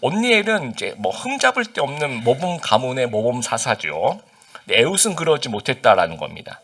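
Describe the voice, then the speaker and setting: Originally from Busan, South Korea, this pastor speaks standard Seoul Korean tinged with a slight Busan accent in a conversational sermon full of fillers and questions to listeners. His mid-range voice is brisk, a bit bright, with big pitch swings.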